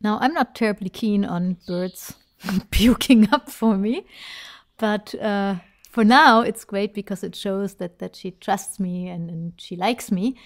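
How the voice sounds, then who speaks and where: A woman with a medium-pitched voice narrates an instructional voice-over as a parrot trainer, speaking at a measured pace with no room sound. She's chatty and enthusiastic, with small fillers.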